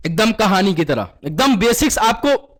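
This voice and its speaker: A man's voice: sits high, big pitch swings, moderate pace. A man teaching math in Hindi mixed with English terms, asking the same question over and over and answering it himself, calling students "beta". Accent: Indian Hindi with English terms. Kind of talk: classroom lesson with call-and-response.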